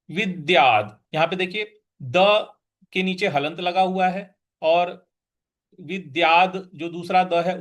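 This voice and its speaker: A man teaching a scripture verse, patiently breaking down its pronunciation syllable by syllable and chanting the lines slowly. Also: high-pitched. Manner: chants verses in a drawn-out, sung tone. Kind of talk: slow recitation lesson.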